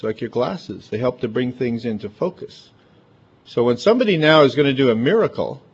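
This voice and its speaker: This sermon comes from a pastor whose medium-pitched voice is slightly rough yet big and emphatic. He keeps things chatty and conversational, wandering into asides. It's captured on a dull lo-fi recording.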